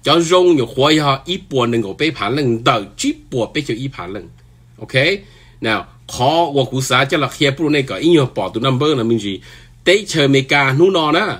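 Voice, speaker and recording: A man's voice: mid-range voice, fairly bright tone. A man hosting a solo news talk show, speaking loosely with many fillers and often pushing his voice up for emphasis.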